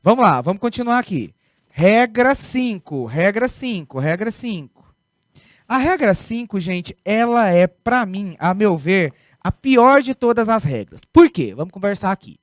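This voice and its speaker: A man's voice: high voice, very animated, moderate pace, few pauses, no room sound, studio quality. A man with a Brazilian Portuguese accent teaching grammar in a recorded video lesson, emphatic, repeating key words and asking rhetorical questions.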